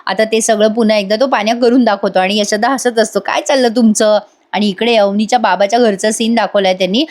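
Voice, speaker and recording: A woman's voice: mid-range voice, steady tone, fast talker, a little mellow. A woman hosting a casual voice-over recap of a TV serial, chatting directly with viewers. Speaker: serial review host.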